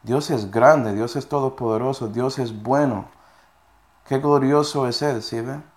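A man's voice: mid-range voice, a little slow. Man preaching a sermon, checking in often. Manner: checks in with listeners with frequent tag questions; reads scripture verses aloud between explanations.

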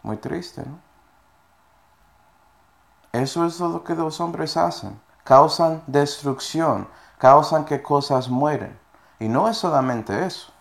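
A man's voice: on the high side, slow, creaky. A man preaching a sermon, reading scripture verses aloud and often checking in with his listeners with short questions. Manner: reads scripture verses aloud between explanations.

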